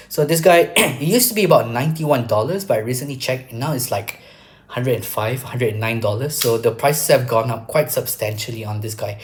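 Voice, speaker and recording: A man with a cough hosting a casual knife vlog, halting with many fillers and clearing his throat often. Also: medium pitch. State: has a cough, throat a bit rough. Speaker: knife-collection vlog host. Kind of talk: casual product show-and-tell.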